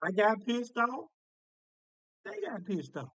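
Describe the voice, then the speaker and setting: High-voiced man preaching a sermon. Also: huge pitch swings, takes it slowly, sharp tone, dry recording, rough recording. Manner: folksy, emphatic preaching with repetitions.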